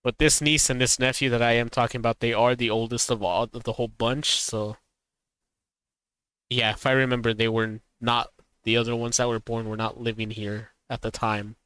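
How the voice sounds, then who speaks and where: A man's voice: mid-range voice, little pitch movement, normal speed, fairly bright tone, clean tone, no room sound, rough recording. A man streaming live, chatting casually as he reacts to a video, rambling and laughing, with emphatic warnings.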